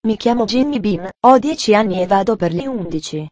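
A woman voicing a gruff, sullen ten-year-old orphan boy who mumbles curtly in a lowered voice, in a storybook reading. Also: expressive, brisk, a little mellow, no room sound, natural voice.

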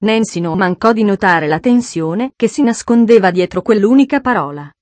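A woman narrating a novel in a calm, even storytelling voice. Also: medium pitch, moderate pace, no room sound. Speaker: audiobook narrator. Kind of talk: scripted narration.

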